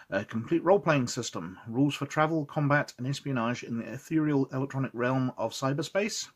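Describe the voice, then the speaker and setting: Sniffling from a head cold, a man from Scotland reads aloud from an old roleplaying game book while reviewing it casually, adding chatty asides and lots of "uh"s. He has a husky, medium-pitched voice.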